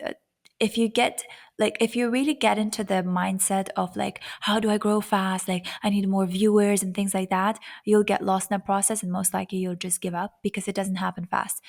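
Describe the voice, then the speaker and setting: A woman speaks as an interview guest. Her mid-pitched voice has a creaky edge and fairly level intonation, and she explains her points earnestly in a conversational way. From Azerbaijan. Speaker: interview guest, YouTuber and etiquette coach.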